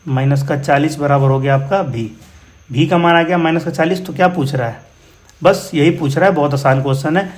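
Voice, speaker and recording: Brisk encouraging man teaching physics. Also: a little high. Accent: Bihar. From India. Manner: informal, encouraging, calls students "my brother". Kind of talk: explaining exam problems.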